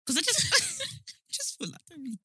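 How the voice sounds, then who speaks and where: A woman's voice: extremely high pitch, wildly swooping pitch, normal speed, bright, forceful tone, no echo, clean studio sound. A woman with a London British accent co-hosting a casual, opinionated chat, speaking emphatically and repeating words for emphasis. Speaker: podcast co-host.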